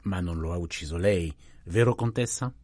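A man voicing a middle-aged detective who questions politely and quietly but keeps pressing, in a dry, close audiobook reading. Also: deep voice, moderate pace, no echo. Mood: probing. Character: calm probing male detective, middle-aged.

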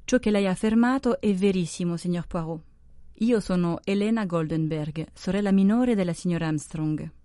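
A proud young countess, as a woman reads her for an audiobook, rich in tone but sharp and incisive in how she speaks. Her voice is mellow and dark. The sound is close and dry. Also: lowish voice, moderate pace, dry recording, natural voice. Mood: tense. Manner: rich-toned, cutting, incisive speech. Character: dignified young noblewoman, composed yet intense. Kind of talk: audiobook dialogue reading.

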